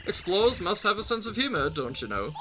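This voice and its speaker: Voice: medium pitch, very animated, a little fast, pitched above the performer's own voice, natural voice. Someone doing a pompous English turtle explorer. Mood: jolly. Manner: theatrical, pompous, upper-crust. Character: eccentric English male turtle explorer, gung-ho.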